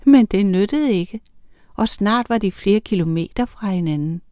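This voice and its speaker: A woman narrating a children's storybook in a lively, expressive reading voice. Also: mid-range voice, no echo.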